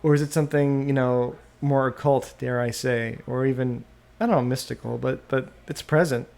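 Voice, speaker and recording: Gravelly man musing aloud. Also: medium pitch, steady tone, moderate pace, a little mellow. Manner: musing, trailing off and restarting often. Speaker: podcast host. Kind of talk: rambling solo podcast monologue. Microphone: USB desktop microphone.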